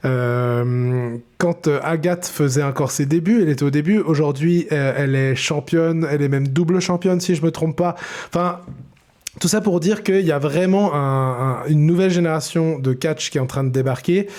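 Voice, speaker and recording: A man's voice: a little high, normal speed, a little mellow. A man co-hosting a casual podcast chat, talking with frequent hesitations and restarts. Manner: hesitant, many filler sounds and restarts. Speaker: podcast co-host.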